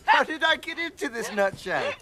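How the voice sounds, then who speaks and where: A cheeky goofy sixties British spy. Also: male voice, very high voice, lively intonation, normal speed, a crowd in the background. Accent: English. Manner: playful, jokey, flirtatious. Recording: film soundtrack with clear music behind.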